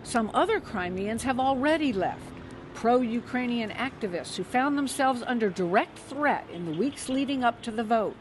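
A woman correspondent reading a scripted news report in a measured, even way. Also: a little high, slight background noise. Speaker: foreign affairs correspondent.

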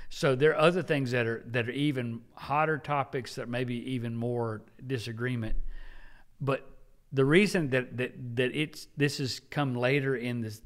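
Man, forties, pastor host, earnest, conversational, desk mic, small studio. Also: mid-range voice. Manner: earnest, animated gestures, frequent affirming yeahs. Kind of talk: conversational church podcast. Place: small indoor studio at a wooden table. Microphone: desk mic on a stand.

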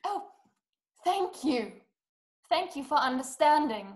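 A young woman with a high voice acts in a play over a webcam video call from a small, dim room at home, speaking slowly and with animation. She plays a distraught, imperious invalid wife, self-pitying, desperate, and impatient, using dramatic, emphatic, formal diction in a theatrical stage style.

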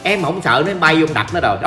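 A man's voice: fairly high pitch, pushed and bright. A man with a Southern Vietnamese accent giving joking, chatty commentary over a game he is playing live, teasing opponents and talking to viewers. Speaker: gaming streamer.

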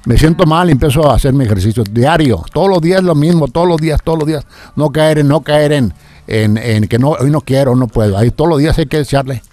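Older man, radio announcer, halting speech, repeats words, slightly high voice. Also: mellow. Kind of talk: casual interview.

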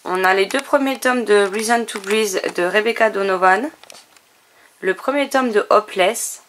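A woman's voice: medium pitch, unhurried, a bit bright, slight background noise. A woman vlogger chatting casually through a bookshelf tour, listing titles and often correcting herself, a little short on sleep. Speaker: book vlogger.

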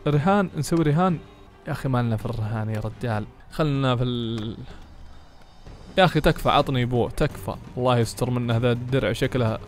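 A man giving excitable let's-play commentary, cursing enemies and cheering allies. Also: medium pitch, quick pace. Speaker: gaming YouTuber. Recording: music playing behind.

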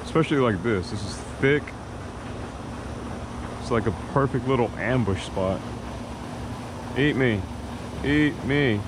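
Young male fishing vlogger, unhurried, easygoing chatter outdoors on the water, clear lake noise underneath. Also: medium pitch. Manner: chatty, self-deprecating, talks to himself and the fish. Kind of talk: casual running commentary while kayak fishing. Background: water and outdoor ambience.

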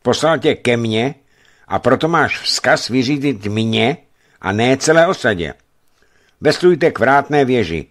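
A man's voice: medium pitch, lively intonation, a bit bright, voice pushed up, lightly acted. A man reading aloud, voicing a stout, stern older boyar governor who speaks in a commanding way.

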